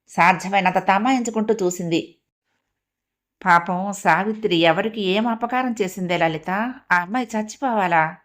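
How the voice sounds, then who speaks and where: A woman narrating an audio story with a measured, expressive reading. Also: on the low side.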